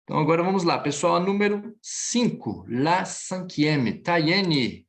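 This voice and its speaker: A man's voice: on the high side, very animated, moderate pace, a bit bright. A male French teacher with a Brazilian accent, whose first language is Portuguese, giving a live online lesson and patiently explaining grammar while he switches between French and Portuguese.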